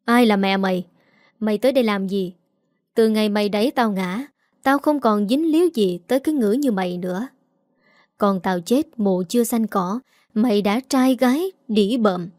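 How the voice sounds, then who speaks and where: A woman's voice: mid-range voice, moderate pace, darkish tone, no echo, studio quality, close to an everyday voice. A woman voicing a bitter, harsh older mother-in-law who curses and scolds. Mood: scornful. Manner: scolding, cursing.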